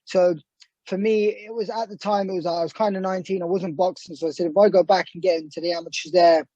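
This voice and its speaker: A man's voice: high voice, steady tone, fast talker, mellow, no echo, lo-fi sound. A young man from England, a boxer, answering interview questions casually with rambling sentences and many fillers.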